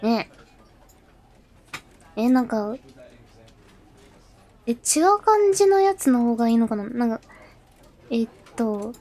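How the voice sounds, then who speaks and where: High-voiced chatty woman streamer. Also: takes it slowly, pauses often, dark tone. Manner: chatty, lots of fillers, talks to herself while setting up; translates game narration aloud. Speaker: VTuber streamer. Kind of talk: casual game livestream.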